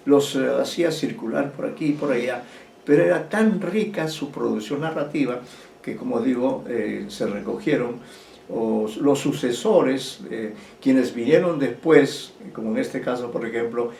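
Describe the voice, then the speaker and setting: Hesitant male lecturer, gravelly voice. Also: mid-range voice, darkish tone. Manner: hesitant, many fillers and restarts. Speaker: literature teacher. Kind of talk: university lecture. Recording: echoey room, distant mic, faint noise.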